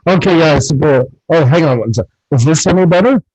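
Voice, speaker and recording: A man's voice: a little high, lively intonation, a little fast, darkish tone, breathy edge. A man in casual chat as a call-in guest, sounding muffled and distorted through a faulty microphone, like he's behind a wall. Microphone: faulty microphone over a call. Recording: muffled, buzzing call mic.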